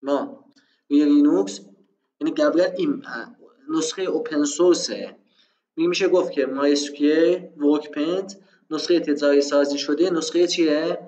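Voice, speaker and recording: A man with a fairly high voice explains database software in a relaxed, conversational way. He keeps asking himself rhetorical questions and filling pauses. The sound is roomy and muffled, like a cheap mic in a bare room. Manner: conversational, rhetorical self-questions, frequent fillers. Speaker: programming instructor. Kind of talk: screen-recorded tutorial explanation.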